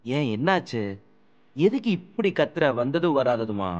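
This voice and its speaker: A gentle, remorseful young man. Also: medium pitch, big pitch swings, measured pace, muffled recording. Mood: weary. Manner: gentle, apologetic, introspective. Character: young man, remorseful, soft-spoken, troubled. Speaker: male lead. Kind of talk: audiobook drama acting.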